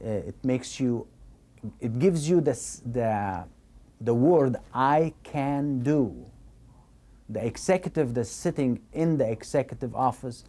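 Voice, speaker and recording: A man in his sixties, a doctor, explaining things slowly in an interview. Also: medium pitch, warm tone. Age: 60s. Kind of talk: interview answers.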